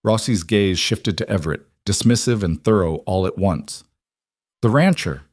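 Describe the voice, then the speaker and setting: Male narrator, low register, dry read, measured storytelling. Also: darkish tone, no echo.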